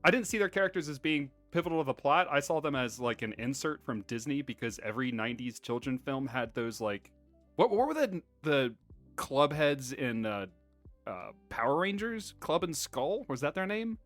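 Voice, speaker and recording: A man's voice: medium pitch, lively intonation, normal speed, fairly bright tone, soft background music. A man co-hosting a casual podcast chat, joking and laughing often. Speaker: podcast co-host.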